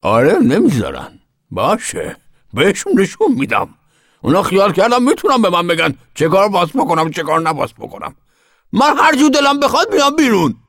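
A man's voice: high voice, huge pitch swings, fairly bright tone, dry recording, studio quality, heavily acted. An actor playing a cantankerous, foul-mouthed, mischievous old grandfather in a radio drama. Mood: defiant. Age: older. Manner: grumbling, foul-mouthed, boastful.

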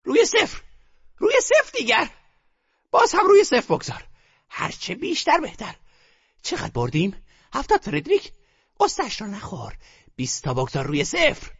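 A shrill old grandmother in a frenzy, put on by a man, her high voice leaping wildly up and down as she snaps orders in a rustic manner. She sounds urgent and bossy, with no patience at all. The recording is dull and muffled. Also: wildly swooping pitch, long pauses, fairly bright tone, slightly rough, in a large hall, exaggerated voice. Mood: excited, bossy. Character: frantic old grandmother gambling at roulette.

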